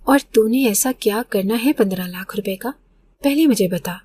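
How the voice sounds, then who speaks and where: A woman's voice: medium pitch, a little mellow, a little hiss or hum. A middle-aged woman telling a story in the first person, in an emotional, conversational way.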